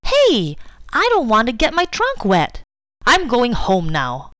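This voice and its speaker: A woman's voice: very high voice, very animated, measured pace, fairly bright tone, no room sound, studio quality, voice pushed up, exaggerated voice. A woman voicing a young female elephant who gets upset easily, in a children's storybook reading.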